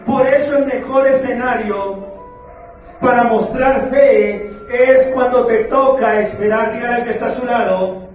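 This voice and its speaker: A man preaching a sermon as pastor, playful and questioning, slowing down for emphasis. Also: very high-pitched, a little mellow, lo-fi sound. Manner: playful, asks the congregation questions, slows down for emphasis. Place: church sanctuary. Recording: very echoey church hall, far from the mic, with music behind.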